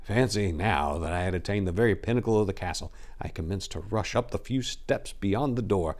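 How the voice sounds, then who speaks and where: A man playing a lonely, haunted Gothic narrator, delivering a horror story like a hammy stage actor with grave, emphatic, drawn-out words. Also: lowish voice, a little mellow, natural voice. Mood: awed rapture. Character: lonely, haunted man recounting his dark Gothic ordeal. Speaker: dramatic reader of a horror story. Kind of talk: theatrical first-person horror narration.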